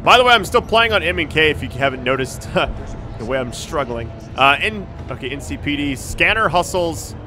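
Animated, fairly high-voiced man streaming a game. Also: normal speed. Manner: easygoing, slangy, thinking aloud. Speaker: gaming streamer. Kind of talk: casual live gameplay commentary. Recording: game music behind the voice. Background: game music and city sounds.

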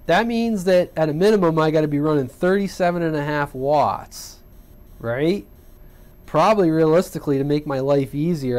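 Indoors at a home workbench, a man gives an unscripted, casual tutorial on hobby radio, speaking colloquially and plainly while often checking in with the listener. His voice is a little high with a darkish tone.

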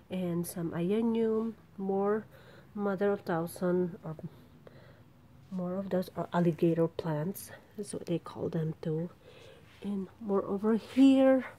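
A woman giving a casual, halting, rambling vlog narration outdoors in a backyard, filming with a handheld camera. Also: on the low side, dark tone. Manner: informal, halting, rambling delivery. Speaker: vlogger showing their plants. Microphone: handheld camera, behind the lens. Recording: outdoor background noise.

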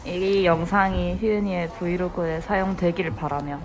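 A woman's voice: on the low side, fairly even intonation, moderate pace, background noise. A young woman chatting casually and mock-announcing to a vlog camera, with music over her voice. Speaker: vlogger's friend.

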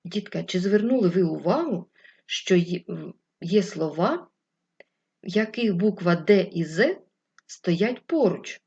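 A woman teacher giving a slow, clear, patient literacy lesson to young children. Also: lowish voice, animated, warm tone, dull audio. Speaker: first-grade teacher. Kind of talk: distance-learning literacy lesson.

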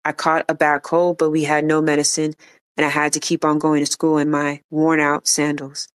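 An audiobook reader narrating an autobiography aloud in a measured, even manner. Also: mid-range voice, clean tone.

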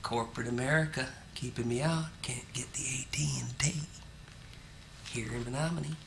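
Vocal fry colors this man's steady, medium-pitched voice as he talks at a moderate pace over a noisy background. He's casually narrating his own road trip to camera with joking asides, from the road and a parking lot.

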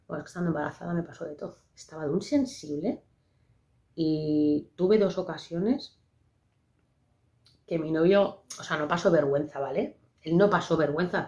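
A woman's voice: deep voice, normal speed, darkish tone. A woman with a Spain Spanish accent hosting a podcast, talking casually and expressively with lots of fillers. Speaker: podcast host. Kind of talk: casual monologue. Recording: dull lo-fi podcast audio.

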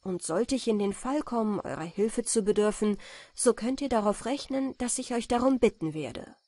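A woman's voice: on the high side, expressive, normal speed, warm tone, no room sound, pitched above the performer's own voice. An earnest, noble-minded young apprentice, polite and grateful in his old-fashioned speech, as a woman reading a fairy tale gives him voice. The sound is dry and close to the mic. He stays modest and sincere.

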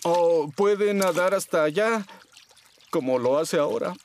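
A man's voice: sits high, animated, unhurried, a little hiss or hum. A man voicing a good-natured, sighing daddy pig in a cartoon, with a Latin American Spanish accent. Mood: jovial. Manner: sighing, jovial. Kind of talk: cartoon dub voice acting.

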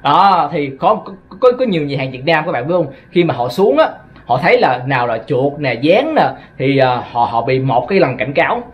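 A man's voice: a little high, big pitch swings, moderate pace, lo-fi sound. A man from Vietnam with a Southern Vietnamese accent, rambling through a casual monologue to his viewers, often stumbling and repeating words. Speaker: vlogger.

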